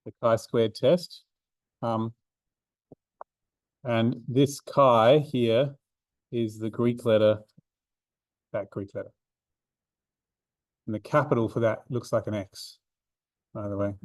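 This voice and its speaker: A man's voice: medium pitch, fairly even intonation, slow, long pauses, no echo. A man giving a revision seminar to statistics students, talking casually with many ums and restarts. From Australia. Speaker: maths tutor. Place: university classroom.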